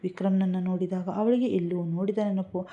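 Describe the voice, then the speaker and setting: A woman narrating a love story in scripted, even, descriptive storytelling. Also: on the low side, brisk, highs cut off.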